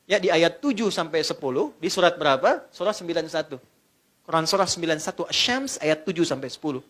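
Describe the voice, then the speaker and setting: A middle-aged man preaching a lively sermon to a live audience, asking them questions and joking along the way. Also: fairly high pitch, fast. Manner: animated, asks the audience questions and jokes.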